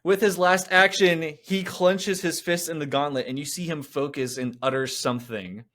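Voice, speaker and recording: Guy running a tabletop game as game master, steady descriptive narrating. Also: fairly high pitch, normal speed.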